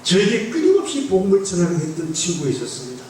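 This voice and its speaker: Speaking fast in a high, darkish voice with huge swings in pitch, a guest pastor from Andong, South Korea teases his congregation through a joking testimony sermon. A slight North Gyeongsang accent colors his speech. The recording, made at a distance in an echoey church sanctuary, carries a little hiss or hum.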